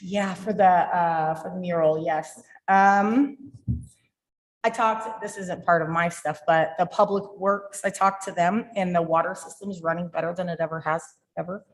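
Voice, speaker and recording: A woman's voice: on the low side, fairly even intonation, normal speed, poor audio. A woman on a city council giving a casual, chatty report. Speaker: council member. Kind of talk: council meeting.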